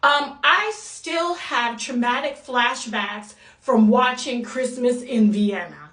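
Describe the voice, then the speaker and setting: A woman from the United States delivers an exasperated, blunt review in a casual rant, mildly swearing as she goes. Her voice sits a little high. She sounds set back from the mic in an echoey room. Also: slow, a bit bright, recorded from a distance. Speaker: movie reviewer.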